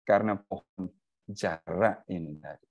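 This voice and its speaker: A man's voice: deep voice, unhurried, gravelly, a little mellow, no echo, exaggerated voice. A sulking, stubborn prophet, voiced by a man retelling a Bible story insists on his anger. The sound is muffled and dry. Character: sulking, angry prophet Jonah. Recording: dull, dry lo-fi recording.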